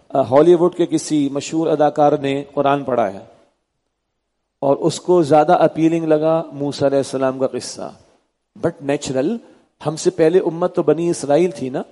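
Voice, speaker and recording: A man giving a Quran commentary lesson, reciting verses slowly and then translating and explaining them. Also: fairly high pitch, warm tone, big-room sound. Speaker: Quran teacher.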